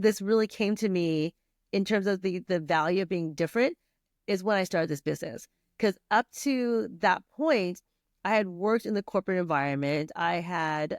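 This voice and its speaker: A middle-aged Vietnamese woman guests on a podcast in a casual conversational interview, her voice mid-range. She laughs, restarts and uses plenty of fillers, recorded in clean studio sound with no echo.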